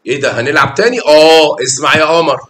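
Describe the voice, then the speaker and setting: The math teacher talks at a quick pace with a slightly bright voice and an Egyptian Arabic accent. Patient and fond of his young pupils, he coaxes them along with pet names inside an echoey room that has a faint rumble.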